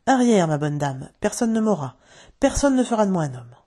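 A woman's voice: low-pitched, fairly quick, dark tone, breathy edge. A woman voicing a proud boy who refuses to grow up, speaking vehemently in an audiobook. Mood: defiant. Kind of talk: audiobook character reading.

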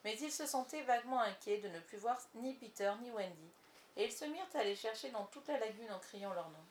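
A woman narrating a storybook in an expressive, measured way. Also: fairly high pitch, roomy sound, slight background noise. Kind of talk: storybook reading.

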